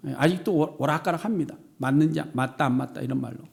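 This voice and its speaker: A man preaching a sermon as pastor of a church, animated and dramatic, voicing the complaints he quotes. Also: fast talker, gravelly. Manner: animated, acts out quoted laments with rising pitch and volume.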